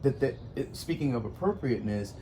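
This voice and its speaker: A man's voice: medium pitch, expressive, a little fast, vocal fry, dark tone, slight background noise. A man hosting a casual porch conversation, speaking earnestly and reflectively with occasional laughs. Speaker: podcast host.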